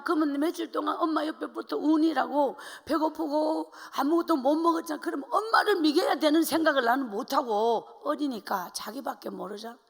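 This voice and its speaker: A middle-aged woman evangelist giving a tearful testimony, swinging between loud outbursts and hushed whispers. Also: high-pitched, vocal fry, long reverb tail. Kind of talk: emotional testimony.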